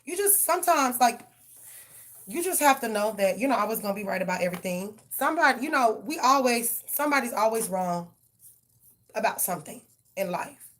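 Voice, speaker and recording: A woman's voice: a little high, expressive, brisk, a bit bright. A woman giving a live tarot reading and ranting bluntly, with heavy profanity. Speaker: tarot reader.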